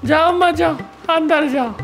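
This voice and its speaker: A woman's voice: sits high, normal speed, vocal fry, over music. A woman playing a blunt, teasing elderly family uncle with a Hyderabadi accent in a comedy sketch. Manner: teasing, mock-scolding.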